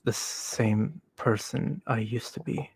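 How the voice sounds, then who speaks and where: A young man talks in a husky, near-silent whisper. His delivery is very slow and flat, halting and broken by sighs. It sounds like casual talk on a live stream. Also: mid-range voice, no echo. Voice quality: breathy whisper.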